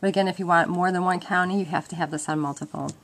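A woman races through an informal, step-by-step explanation in a fairly low voice with fairly even intonation, acting as instructor for a casual demonstration. She sits at a wooden table inside her home. The audio, from a handheld camera microphone, is noisy home-video sound with clicks.

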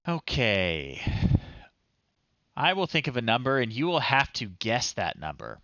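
With huge swings in pitch around a medium register, this man in his thirties takes an unhurried pace, his tone pushed and bright. He hosts a retro game show on a live stream, casually reading the screen and tossing in playful, amused remarks. It's a dry, slightly dull close-up recording from a small home room, free of echo.

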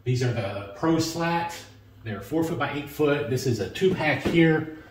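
With a lively, mid-range voice and a measured pace, a middle-aged DIY vlogger casually walks viewers through a how-to in a large garage, dropping in a filler now and then. The sound is reverberant, captured by a tripod camera on the far side of the space.

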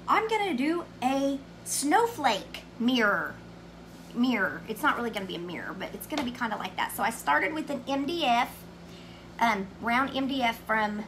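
A woman's voice: a little high, a bit bright, a little hiss or hum. A middle-aged woman hosts a casual live craft demo, chatting and greeting viewers by name. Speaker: craft livestream host.

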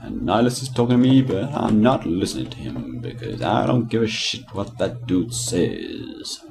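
Low-voiced sweary gamer. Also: male voice, sing-song, a little fast, vocal fry. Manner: sweary, joking running commentary with sudden silly voices. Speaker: gamer playing and commenting. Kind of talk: casual let's-play commentary. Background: game music.

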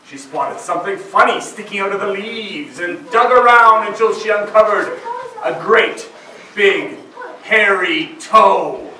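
A man telling ghost stories at a Halloween party, with a dramatic, suspenseful delivery. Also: high-pitched. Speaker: storyteller. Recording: echoey room from far off, noisy.

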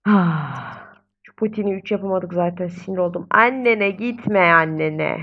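A young woman talks her way through a life-simulation game in a casual, chatty voice. She is often exasperated and coos at the babies. Her mid-pitched voice comes through a slightly dull, lo-fi home mic. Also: moderate pace. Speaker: gaming video host. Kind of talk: casual gameplay commentary.

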